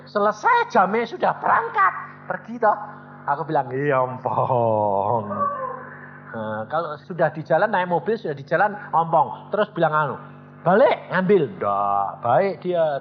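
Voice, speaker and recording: Older pastor, lively preaching, tinged. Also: male voice, slight background noise. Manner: animated, acts out dialogue, sudden high exclamations and drops to quiet. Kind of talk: sermon. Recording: dull lo-fi sermon recording with music.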